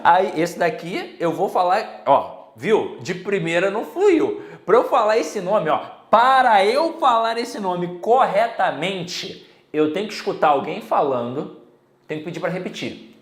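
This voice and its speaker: A man's voice: high voice, lively intonation, a little slow, echoey room. A middle-aged Brazilian man giving a casual exam-prep Portuguese lesson, chatty and full of personal stories. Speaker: Portuguese teacher.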